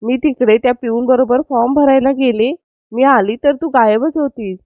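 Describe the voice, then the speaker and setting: A woman voicing a caring young female companion who coaxes gently. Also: sits high, normal speed, dry recording, pitched above the performer's own voice, lightly acted. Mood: gentle. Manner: gentle, coaxing. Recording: dry, slightly dull lo-fi.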